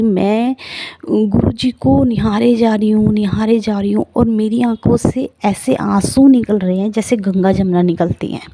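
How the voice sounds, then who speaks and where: A woman's voice: medium pitch, mellow, dry recording. A middle-aged woman earnestly telling the congregation her devotional testimony in an emotional storytelling manner. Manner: emotional, earnest storytelling, addresses listeners as sangat ji.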